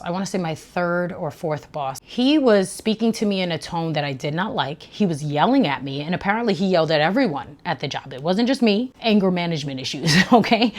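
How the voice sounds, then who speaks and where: A young adult woman, a manifestation coach, giving a motivational talk to camera and acting out quotes with laughs. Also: on the low side. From New York. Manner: animated, acts out quotes with laughs.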